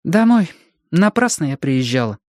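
A man's voice: a little high, sing-song, moderate pace, dry recording, clean studio sound, pitched above the performer's own voice. A man reading an audiobook, voicing a proud young woman who is heated, defensive and defiant. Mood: indignant.

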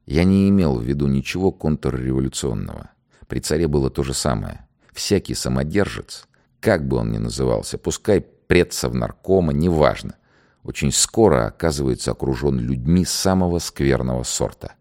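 A man with a very deep, gravelly voice reading the lines of a calm, dignified male poet under arrest, speaking in a measured, quiet way. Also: exaggerated voice. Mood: reasoned. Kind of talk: dramatized reading of a dialogue.

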